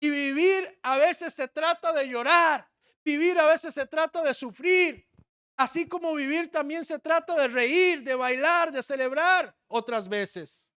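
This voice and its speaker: High-voiced Costa Rican pastor preaching. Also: male voice, unhurried, sharp tone. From Costa Rica. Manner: impassioned preaching, asks the congregation questions. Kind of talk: sermon.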